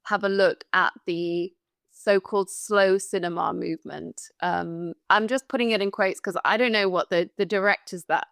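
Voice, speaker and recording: A woman from London on a film podcast, talking through her thoughts in a casual discussion, pausing often and hunting for words. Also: mid-range voice, steady tone, creaky, fairly bright tone, clear, resonant tone, dry recording, clean studio sound. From London, England. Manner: thoughtful and hesitant, searching for words. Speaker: podcast panelist.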